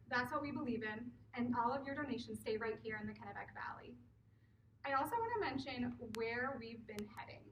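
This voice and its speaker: A woman's voice: fairly high pitch, a bit bright. A woman delivering a prepared fundraising kickoff speech as a nonprofit director at a public event. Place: public event at a drive-in movie night. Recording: echoey, distant PA sound with faint noise.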